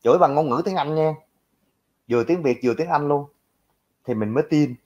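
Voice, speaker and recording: A man's voice: fairly high pitch, fairly quick, darkish tone. Brash southern Vietnamese man ranting. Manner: brash, crude and mocking, talks down to critics. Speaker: livestream commentator. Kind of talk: ranting reaction to viewer comments. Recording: lo-fi, dull audio.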